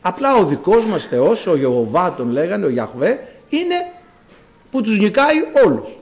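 A man preaching a sermon as a priest, with dramatic rises and drawn-out words. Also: sits high, wildly swooping pitch.

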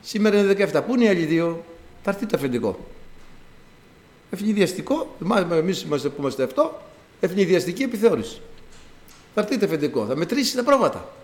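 A man pastor preaching a sermon to his congregation, swinging between loud exclamations and hushed asides. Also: high voice, very animated, long pauses, reverberant.

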